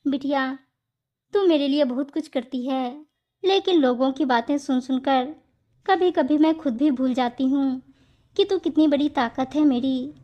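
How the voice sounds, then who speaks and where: Storybook role: gentle older mother-in-law, mild and soft-spoken, read by a woman. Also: sits high, measured pace, lo-fi sound.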